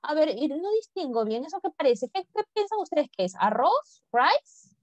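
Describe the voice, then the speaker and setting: A woman's voice: high-pitched, big pitch swings, normal speed, no echo, dull audio. Patient woman teacher coaxing young pupils. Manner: patient, coaxing, mixes Spanish and English, drills pronunciation. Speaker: English teacher. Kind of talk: online primary class lesson.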